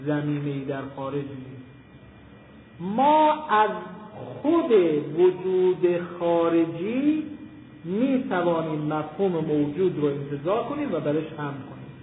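Male lecturer, high voice, measured classroom delivery that leans on key terms; tinny, roomy recording. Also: slight background noise. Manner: deliberate, slows and stresses key terms. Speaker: teacher of Islamic philosophy. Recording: tinny, echoey hall recording.

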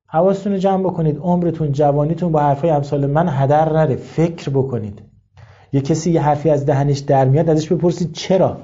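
A male cleric teaches seminary students in an informal lecture, talking candidly and working through ideas with rhetorical questions. His voice sits fairly high yet sounds very dark and mellow. The recording is dull and lo-fi.

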